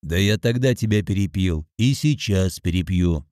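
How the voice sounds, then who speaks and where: A man's voice: deep voice, animated, normal speed, a little mellow, no echo, studio quality. A man voicing a domineering drunk man who turns cruel, speaking coldly and commandingly. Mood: menacing. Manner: cold, commanding.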